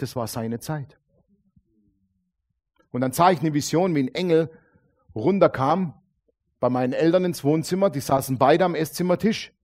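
A man delivers a sermon in a somewhat high voice. He is emphatic, moving between forceful declarations and hushed asides. He slows right down to draw out key phrases. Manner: stretches key phrases slowly for weight. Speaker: preacher.

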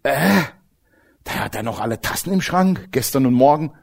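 Animated preacher, wide pitch swings. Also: male voice, normal speed, vocal fry, husky. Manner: animated, jokes with the congregation, swings from loud to hushed. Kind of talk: lively sermon.

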